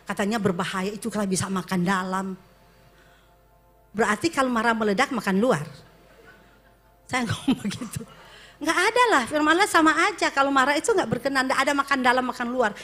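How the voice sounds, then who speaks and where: Woman pastor, sermon delivery, high bright tone, animated and direct with the congregation. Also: a little fast, faint music behind.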